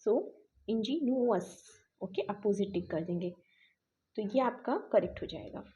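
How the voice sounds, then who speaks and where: A woman's voice: mid-range voice, moderate pace, mellow, highs cut off. A woman teaching a shorthand class, spelling words out letter by letter and checking in often with her students. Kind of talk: online class explanation.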